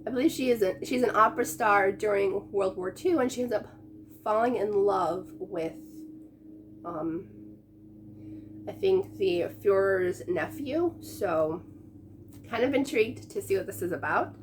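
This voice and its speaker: A woman in her late twenties, a book vlogger chatting casually to camera, sick and a little hoarse, upbeat and laughing often. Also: mid-range voice, unhurried, long pauses, a little hiss or hum. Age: late 20s. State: sick, voice going.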